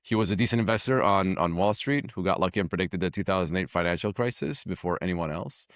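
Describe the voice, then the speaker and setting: A man's voice: low-pitched, fast talker, no echo, clean studio sound. A man hosting a podcast, introducing his guest and asking friendly, open questions with small stumbles. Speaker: podcast host. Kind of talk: interview hosting.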